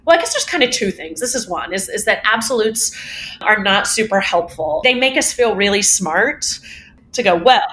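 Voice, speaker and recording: A woman voice teacher answering interview questions in a casual, animated way, laughing often and poking fun at herself. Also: medium pitch, normal speed. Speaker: voice teacher guest.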